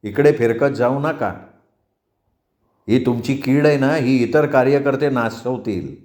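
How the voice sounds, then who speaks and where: A man voicing a stern, controlled male party leader who speaks in a cold, measured, commanding way. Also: medium pitch, a little mellow, pitched below the performer's own voice, close to an everyday voice.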